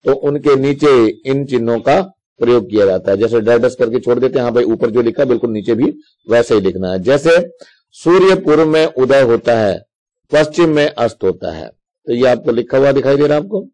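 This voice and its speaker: A man's voice: medium pitch, expressive, moderate pace, a little mellow, poor audio. A male teacher explaining Hindi grammar to schoolchildren, reading examples out step by step in a patient way.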